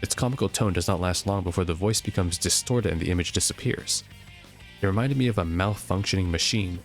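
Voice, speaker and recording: Young man, deep voice, reading game story aloud, steady, faint music behind. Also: fairly quick. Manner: steady reading, jokes about own slips. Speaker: gameplay narrator.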